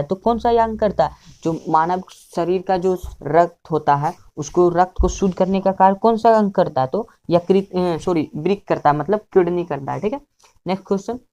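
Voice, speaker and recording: A woman teaching an exam revision lesson. She asks each question, gives the answer, repeats it, then closes with a quick check before the next one, and corrects her own slips as she goes. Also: mid-range voice, darkish tone, muffled recording.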